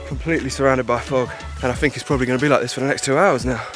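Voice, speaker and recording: A man's voice: medium pitch, steady tone, rapid-fire, a bit bright, faint music behind. A young man vlogging outdoors on a mountain hike, chatty, swearing and out of breath. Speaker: travel vlogger. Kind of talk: casual travel vlog.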